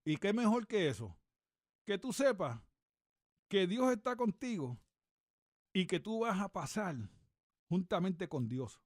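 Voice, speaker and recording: Animated preaching man, high dry voice. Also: no room sound. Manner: animated, repeats questions, looks up verses aloud. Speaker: reverend and radio preacher. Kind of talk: conversational radio sermon.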